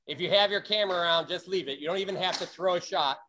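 A man coaching a virtual sword-fighting practice on a video call, explaining and demonstrating with sharp bursts of breath. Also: sits high, quick pace, slight background noise.

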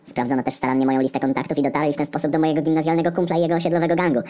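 A male narrator reads a comedic story at a brisk, rapid clip. His voice is dark and mellow, and his delivery stays deadpan and wry, peppered with coarse swearing. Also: fairly high pitch.

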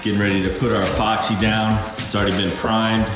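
A man's voice: fairly low pitch, little pitch movement, fast, music in the background. A man hosting a casual vlog, walking through a warehouse and chatting with coworkers in an upbeat, chatty way. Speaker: vlog host giving a warehouse tour. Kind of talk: casual walk-and-talk vlog. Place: large indoor warehouse. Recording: echoey warehouse room sound.

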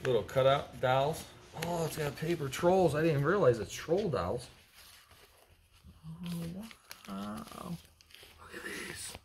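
A man's voice: a little high, expressive, takes it slowly, creaky, pauses often, background noise. Chatty man narrating an unboxing. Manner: chatty, reads labels aloud, teases crew. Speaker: auctioneer. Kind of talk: casual unboxing commentary. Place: indoor storage area with block walls.

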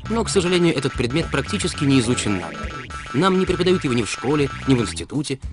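Over background music, a man delivers scripted explainer narration in a didactic way, firing rhetorical questions straight at the listener. His mid-range voice is very animated and fast.

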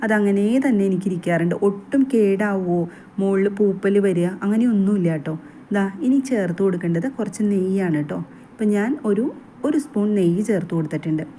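A woman's voice: medium pitch, fast, mellow, slight background noise. A middle-aged woman from Kerala hosting a home cooking demonstration, chatty and homely, often adding small asides to the viewer. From Kerala, India. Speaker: cooking channel host.

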